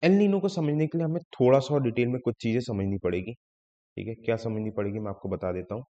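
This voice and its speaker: A man's voice: medium pitch, quick pace, dark tone, lo-fi sound. Man teaching in an echoey hall. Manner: explains step by step, mixing in English terms, often checks "ठीक है". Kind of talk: exam-prep lecture.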